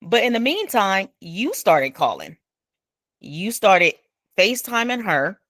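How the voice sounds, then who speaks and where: A woman tells a story with a lively, swooping voice that jumps up when she acts out what others said. Her speech is informal and easygoing, with dropped verb endings. The sound is dry and close, with no room around it. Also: slow pace, dry recording. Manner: animated, acts out quoted speech with big pitch jumps. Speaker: storyteller recounting an incident. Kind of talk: casual retelling.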